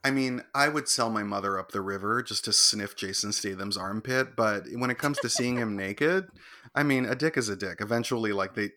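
A man co-hosting a podcast, chatting casually and giving blunt, deadpan opinions. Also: fairly low pitch, fairly quick, hardly any pauses. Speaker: podcast co-host. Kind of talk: casual chat.

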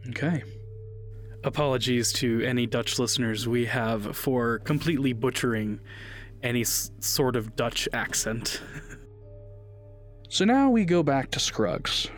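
A man narrating a tabletop game as game master in a relaxed, chatty way with many fillers. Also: medium pitch, a little slow, pauses often, soft background music.

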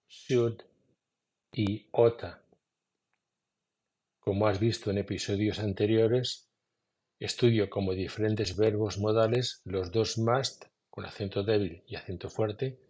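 Slow, husky-voiced male language teacher. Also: lowish voice, darkish tone. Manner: slow, measured explanation, saying English examples slowly. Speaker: English teacher. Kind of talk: scripted podcast lesson.

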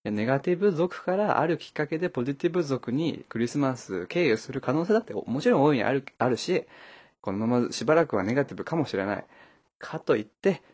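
A man's voice: mid-range voice, animated, fast, a little mellow, slightly rough. A man hosting a casual solo podcast from home, rambling with many fillers and laughing often. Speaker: podcast host. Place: at home, wrapped in a blanket.

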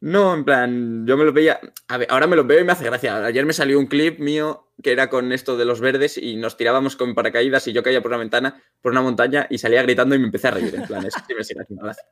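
A young man, a guest in a casual chat, telling stories in a relaxed way. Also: mid-range voice, quick pace. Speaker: guest streamer.

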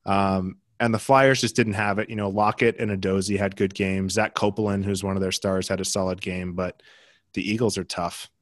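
Deep-voiced and fairly flat in pitch, a young American man keeps a moderate pace while co-hosting a podcast. The casual sports talk about basketball results is packed with fillers and restarts, captured in a clean, echo-free studio.

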